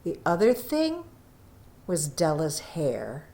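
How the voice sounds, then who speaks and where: A woman with a deep voice narrates a classic short story from a script. She tells it deliberately and expressively, pausing along the way.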